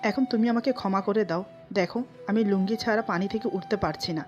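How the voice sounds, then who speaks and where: Brief: woman voicing young husband in an audio story; pleading, playful, soft music, dull recording. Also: medium pitch, brisk, lightly acted.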